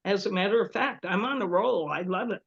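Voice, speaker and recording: A woman's voice: mid-range voice, a little fast, lo-fi sound. A woman telling a story in a casual group chat, laughing often and acting out what people said. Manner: chatty storyteller, laughs often, acts out quotes. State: prone to coughing. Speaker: group member.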